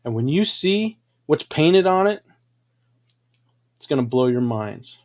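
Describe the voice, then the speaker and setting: Dude hosting a stream, kinda high voice, big dramatic sermon-y tall tales. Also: male voice, big pitch swings, takes it slowly, a little mellow. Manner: dramatic, preachy, tall-tale boasting. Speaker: livestream host. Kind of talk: grandiose motivational storytelling.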